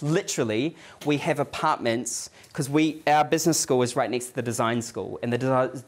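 A man with a New Zealand accent giving a conversational lecture to a live audience, often checking in with a quick "yeah?" and rambling a little as he tells his story. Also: medium pitch. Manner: loose, rambling delivery with restarts and fillers. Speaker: guest lecturer. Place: office event space with a live audience.

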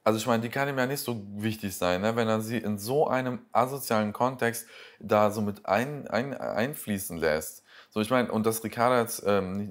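A man giving casual reaction commentary, sarcastic and exasperated, rambling as he picks apart what he watches. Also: fairly low pitch.

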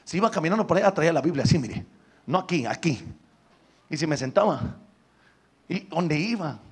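A man's voice: a little high, lively intonation, fairly quick, husky. A male Pentecostal evangelist preaching a sermon, calling out to the congregation with frequent hallelujahs. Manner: loud, call-and-response preaching with many hallelujahs.

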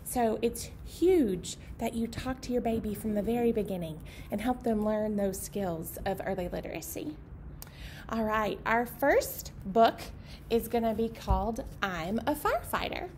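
Speaking in simple terms to young children and their parents, a woman in her thirties leads storytime as a children's librarian in an indoor meeting room. Her fairly high voice is a little mellow, and the recording has clear background noise.

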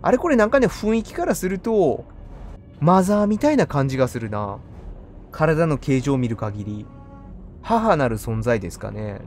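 A man commenting on a horror game as he plays, muttering quietly and breaking into loud startled outbursts. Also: medium pitch, slight background noise. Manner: muttering to himself, then loud startled outbursts and apologies to monsters.

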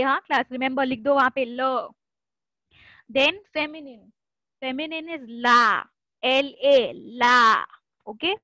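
A woman's voice: sits high, a bit bright, no room sound, poor audio. A woman teaching an online French class, mixing Hindi and English, repeating pronunciations and quizzing students by name. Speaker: French tutor.

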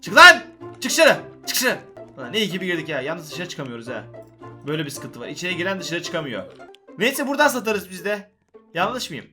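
Excitable high-voiced male gamer. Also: quick pace, soft background music. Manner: excitable, joking, talks to viewers. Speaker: gaming video host. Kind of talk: casual gameplay commentary.

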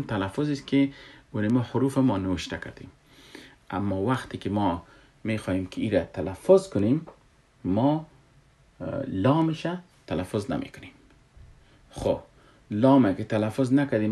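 A man with a fairly low, mellow voice explains a lesson on recitation rules. He teaches patiently, repeating himself and posing rhetorical questions.

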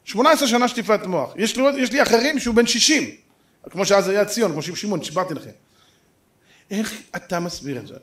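Middle-aged male rabbi, high lively voice, full of acted-out stories. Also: echoey room. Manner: animated, acts out the people in his stories. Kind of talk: storytelling Torah lesson.

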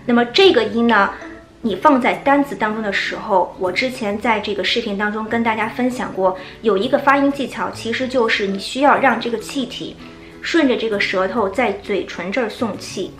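A woman whose first language is Chinese, teaching English pronunciation and slowly demonstrating sounds. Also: a little high. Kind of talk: pronunciation lesson. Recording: echoey room with faint music.

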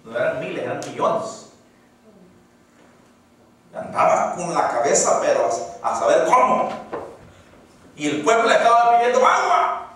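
A pastor preaches a sermon, trading calls with his congregation and dropping from loud exclamations to quiet asides. His voice sits a little high for a man. He is recorded from far off in a booming, echoey church hall with faint noise. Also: huge pitch swings, a little slow, pauses often. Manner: call-and-response preaching.

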